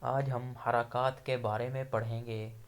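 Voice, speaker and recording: Male teacher, mid-range voice, patient lesson delivery, repeats sounds slowly for learners. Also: medium pitch, little pitch movement. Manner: patient, repeats letters slowly with drawn-out demonstration syllables. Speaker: Quran recitation teacher. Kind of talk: online tajweed lesson.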